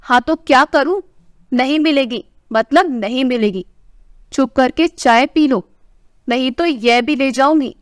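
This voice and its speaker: A woman voicing a sharp-tongued older wife who scolds her husband with a caring side, in a family story. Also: high-pitched, unhurried, dry recording, clean studio sound. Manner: scolding, tart.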